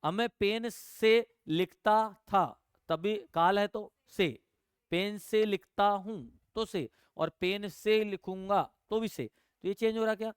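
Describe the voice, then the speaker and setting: A male teacher from giving a classroom grammar lesson, asking the class questions, answering them himself and repeating key words slowly. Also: high-pitched, steady tone, smooth, dry recording, studio quality.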